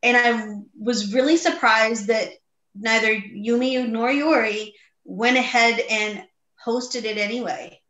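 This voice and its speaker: A woman's voice: fairly high pitch, steady tone, slow pace, fairly bright tone, roomy sound, muffled recording. A woman teacher in a book club discussion, speaking frankly with opinions.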